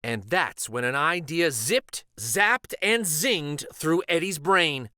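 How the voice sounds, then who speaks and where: Male read-aloud host for kids' stories: slow, deliberate pacing, very lively melody, theatrical emphasis. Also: fairly high pitch, no room sound, clean studio sound. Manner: animated, dramatic emphasis. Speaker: children's storybook reader and host. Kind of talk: expressive read-aloud narration of a picture book.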